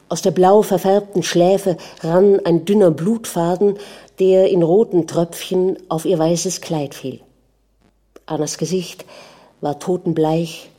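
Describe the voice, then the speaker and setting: A woman narrating a novel in a measured, calm storytelling voice. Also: fairly low pitch. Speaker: audiobook narrator.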